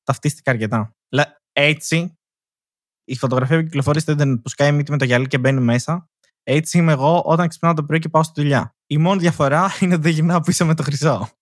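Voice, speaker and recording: A man's voice: a little high, no echo. A young man co-hosting a casual podcast, teasing his partner with dry jokes. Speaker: podcast co-host. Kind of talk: casual chat.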